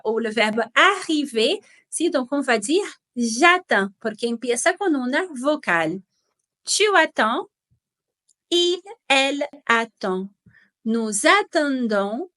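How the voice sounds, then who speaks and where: Lady teaching french real slow, voice goes way up and down, keeps asking "sí?". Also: sits high, a bit bright. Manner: patient and careful, checking in with "¿sí?" and modelling pronunciation slowly. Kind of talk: slow, clear language lesson.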